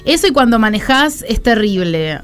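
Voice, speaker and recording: Lively high-voiced Argentine woman co-host. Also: normal speed. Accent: Rioplatense Argentine Spanish. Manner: animated, swearing, laughing often. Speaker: radio show co-host. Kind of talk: casual radio banter. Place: radio studio.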